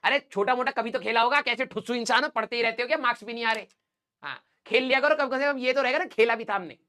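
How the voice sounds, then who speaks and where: A man's voice: very high-pitched, quick pace, bright, forceful tone. Man, physics teacher, teasing, playful, laughs often, casual online class banter, English physics terms mixed in.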